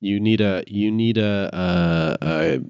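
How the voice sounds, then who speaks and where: A man's voice: lowish voice, takes it slowly, creaky, darkish tone, smooth, no echo, clean studio sound. A man playing in a tabletop game, making wry, teasing remarks in casual chat. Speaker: player. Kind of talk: casual chat among players.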